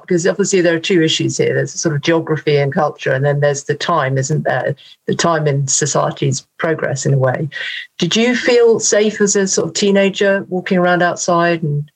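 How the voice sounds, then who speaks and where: A woman's voice: on the low side, normal speed, husky, low-quality recording. A woman hosting a podcast, asking her guests curious follow-up questions. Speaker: podcast host. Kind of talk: interviewing guests.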